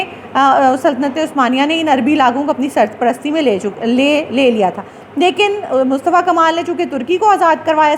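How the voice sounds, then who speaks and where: Woman, teacher, high voice, slow word-by-word explaining, many fillers, faint hiss. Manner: explains English words slowly, with many fillers and restarts. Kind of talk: classroom lecture explaining a text.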